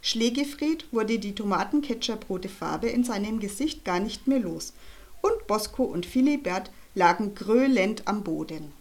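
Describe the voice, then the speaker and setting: A woman narrating a children's book in a lively, expressive way. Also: mid-range voice, measured pace. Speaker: audiobook reader.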